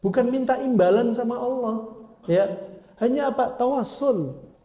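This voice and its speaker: Man, Islamic lecture, colloquial storytelling, Arabic phrases, mellow tone, echoey. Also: very high voice, unhurried, muffled recording. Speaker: preacher.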